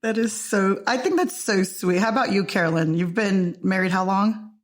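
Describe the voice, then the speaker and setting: A woman hosting an interview podcast, introducing guests and encouraging them with warm affirmations. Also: medium pitch, normal speed. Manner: friendly, encouraging, many affirmations. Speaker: podcast host. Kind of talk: casual interview chat.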